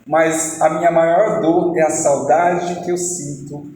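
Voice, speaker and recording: High-voiced preacher man in echoey hall. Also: flat delivery, slow, a little mellow. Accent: Brazilian Portuguese. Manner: storytelling, acting out dialogue. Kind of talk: testimony sermon. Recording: echoey hall, faint noise.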